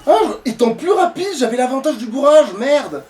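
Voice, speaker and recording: Co-hosting a let's play, a man chats casually while playing the game and grumbles in coarse slang. His extremely high, darkish voice is animated and fairly quick, picked up by a distant mic with faint noise.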